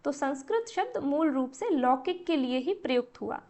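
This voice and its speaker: Female lecturer, high-pitched, patient step-by-step exam-prep teaching, rhetorical questions. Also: expressive, moderate pace, darkish tone. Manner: explains step by step, asks and answers own questions.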